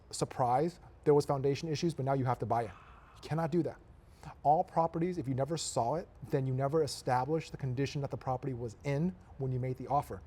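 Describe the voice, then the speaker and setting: A man's voice: mid-range voice, warm tone, husky. A man, a real estate investor, talking emphatically in a casual podcast conversation, repeating his points for effect.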